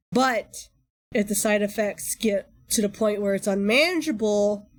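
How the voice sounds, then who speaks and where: A woman streamer chatting informally and in a rambling way on a livestream while reacting to videos. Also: medium pitch. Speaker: streamer, VTuber host.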